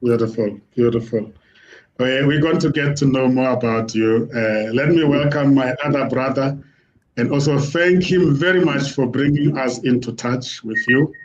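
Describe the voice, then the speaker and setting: The host of a casual live online interview, this man offers guests warm, effusive greetings, hesitating and filling gaps with fillers. He has a mid-range voice at a moderate pace, recorded in muffled quality.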